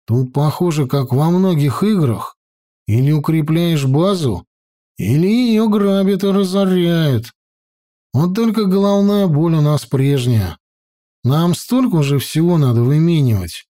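A man's voice: a little high, animated, dark tone. A man doing a grumbling young comrade. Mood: musing. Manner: grumbling, drawn-out musing.

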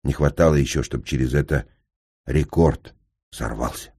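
Male audiobook narrator, deep and husky, lively and expressive. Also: moderate pace. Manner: expressive, vivid storytelling.

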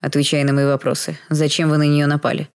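A woman reading an audiobook, voicing a hooded male battle mage who speaks quietly, tersely and coldly. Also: a little high, fairly even intonation, a little fast, vocal fry.

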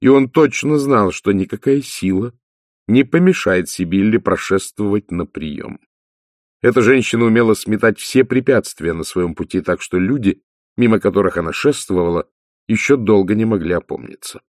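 A man reading an audiobook in a measured, unhurried, dry manner. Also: fairly low pitch, lively intonation, a little mellow, no echo. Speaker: audiobook narrator.

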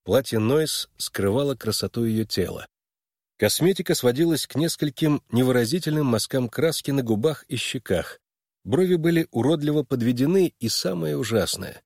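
A man narrating a novel in a measured, expressive reading voice. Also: medium pitch, dry recording, studio quality. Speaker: audiobook narrator. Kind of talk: scripted narration.

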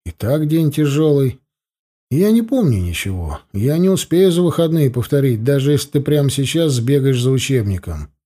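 A man's voice: mid-range voice, very animated, mellow. A man voicing a wry, restless teenage boy with an adult's mind in an audiobook. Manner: wry, fast talking when pleading.

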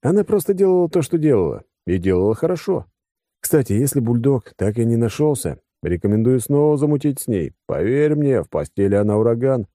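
A man's voice: medium pitch, sing-song, a little fast, dark tone, no echo, studio quality, voice pushed up. A man voicing a cocky man leaving a recorded farewell message in an audiobook, joking and conspiratorial.

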